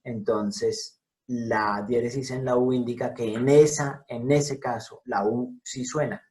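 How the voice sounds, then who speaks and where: Slow, deliberate male lecturer. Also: mid-range voice, fairly even intonation, a little mellow, poor audio. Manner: deliberate, spelling out each sound. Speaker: lecturer on scientific name pronunciation. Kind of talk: explanatory talk over slides. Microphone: video call.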